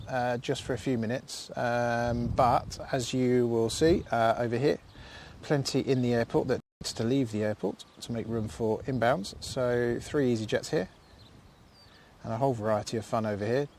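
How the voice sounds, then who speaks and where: A man's voice: medium pitch, fairly even intonation, normal speed, darkish tone, a little hiss or hum. A man hosting a casual live stream from a field, chatty and thankful, rambling with fillers. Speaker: livestream host. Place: outdoors in a field.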